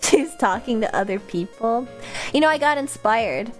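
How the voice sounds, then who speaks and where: A young woman VTuber chatting casually with her livestream viewers in a cute, playful, animated anime-streamer manner, talking nonstop. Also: fairly high pitch, moderate pace. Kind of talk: casual livestream chat, reading and answering viewers' messages. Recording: music playing behind the voice. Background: music.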